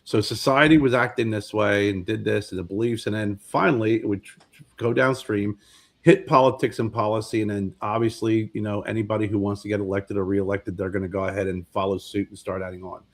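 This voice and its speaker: A low-voiced man in his fifties talks casually on a podcast. He rambles and circles back over his words as he works out a point. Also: steady tone, brisk. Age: 50s. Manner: rambling, repeats words while searching for them. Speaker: podcast co-host. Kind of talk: casual chat.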